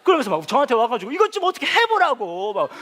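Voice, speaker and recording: A man preaching a humorous sermon as a pastor, telling stories playfully with sudden loud exclamations, in a church hall. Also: very high-pitched, wildly swooping pitch, fast talker. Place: church hall with a laughing congregation.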